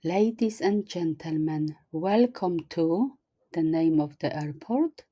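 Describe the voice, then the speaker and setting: A middle-aged woman teaching language, repeating each phrase slowly and clearly, at home on a webcam. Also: deep voice, lively intonation, warm tone. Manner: slow, careful, clearly articulated repetition. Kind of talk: extra slow language lesson, repeating phrases.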